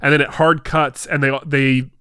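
A young adult man in a casual film chat, telling scenes with excitement and swearing freely. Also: on the high side, moderate pace, clear, resonant tone, no echo, studio quality. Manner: enthusiastic storyteller who swears and acts out scenes.

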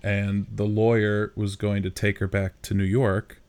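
A man co-host with a low voice, walking through a movie plot in relaxed conversation. He keeps stopping to make wry jokes about how dated things are. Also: unhurried, smooth. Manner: wry, pokes fun at dated details. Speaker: podcast co-host. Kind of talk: casual chat recapping a movie.

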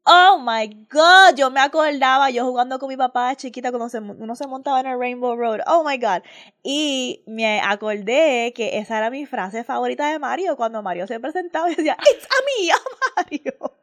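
A woman's voice: high-pitched, normal speed, fairly bright tone. Sick Caribbean woman podcast host. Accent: Caribbean Spanish. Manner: laughing, joking, mixes in English phrases. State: sick, rough voice. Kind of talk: casual chat.

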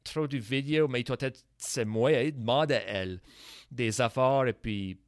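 Halting Acadian man, dry sound. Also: medium pitch, dry recording. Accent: Acadian French. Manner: hesitant, halting, with many restarts. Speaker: podcast host. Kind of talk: casual chat.

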